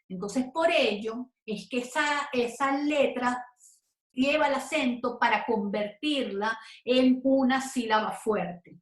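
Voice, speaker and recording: A woman teaching a spoken grammar lesson, going slowly and carefully and stretching example words out syllable by syllable. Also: a little high. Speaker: Spanish teacher. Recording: echoey room.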